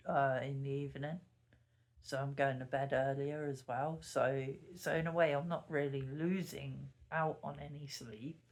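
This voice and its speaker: Early in the morning, sitting indoors at home, a YouTuber talks casually into the camera mic, wandering off topic and correcting themselves with a slight sniffle. Their voice is mid-range and a little mellow.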